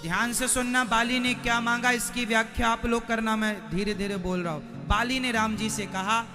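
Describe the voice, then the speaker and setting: A man delivering a devotional sermon before a live audience, speaking slowly and emphatically, breaking into sung verses and putting questions straight to his listeners. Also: very high voice, fairly even intonation, big-room sound, over music. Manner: slow, emphatic, addresses listeners directly with questions. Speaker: preacher of religious storytelling.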